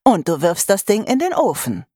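A woman's voice: mid-range voice, sing-song, normal speed, mellow, dry recording. Woman narrator doing a blunt, scolding storybook mother, dry close sound. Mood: stern. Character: stern, practical mother, middle-aged woman. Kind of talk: audiobook character voice.

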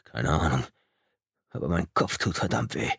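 Narrator doing a hurt, shaken man trapped in wreckage, low-key and trembling, dry booth sound. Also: expressive, normal speed, vocal fry, husky, no room sound, full character voice. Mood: dazed. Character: frightened injured man in wreckage.

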